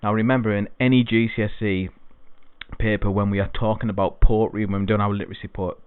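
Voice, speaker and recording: A man's voice: lowish voice, flat delivery, fast, smooth, no room sound. A man teaching an exam-prep poetry lesson, explaining things patiently and repeating key points. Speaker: English tutor. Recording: dry, phone-like lo-fi sound.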